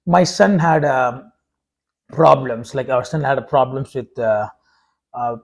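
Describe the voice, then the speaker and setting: A Tamil-speaking man from India, working as a vlogger and preacher, addresses the camera casually in a husky, medium-pitched voice. His talk is halting, with many restarts and "uh" fillers.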